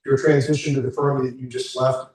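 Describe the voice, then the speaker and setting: A man's voice: mid-range voice, level tone, a little fast, darkish tone. Man in his sixties, echoey room. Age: 60s. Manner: candid, conversational, asks the group questions. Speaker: career workshop presenter. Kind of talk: informal group talk. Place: meeting room with a group. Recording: echoey room, mic far off.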